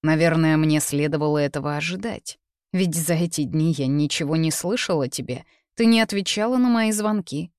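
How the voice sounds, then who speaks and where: A man's voice: on the high side, a little fast, a little mellow, clear, resonant tone, dry recording, studio quality, natural voice. A reader voicing a young man, a persistent and jealous suitor who pleads and turns bitter, in a read-aloud novel. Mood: hurt. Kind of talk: audiobook character reading.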